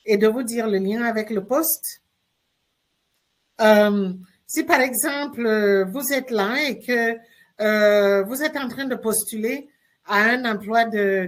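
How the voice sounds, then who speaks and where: A woman career coach, giving spontaneous advice with many hesitations and restarts. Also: a little high. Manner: hesitant, frequent "euh" fillers and restarts. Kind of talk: spontaneous instructional talk.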